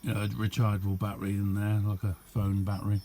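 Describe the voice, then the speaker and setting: Fast and completely flat in delivery, this man's fairly low, warm voice carries a casual show-and-tell of his homemade radio. He's an understated hobbyist rambling without a script, and the recording has a little hiss or hum.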